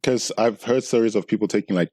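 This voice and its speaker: A man co-hosting a casual podcast, laid-back and quick to laugh, talking in loose, rambling restarts into a studio mic. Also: on the low side, dark tone, no room sound. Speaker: podcast co-host. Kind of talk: casual chat.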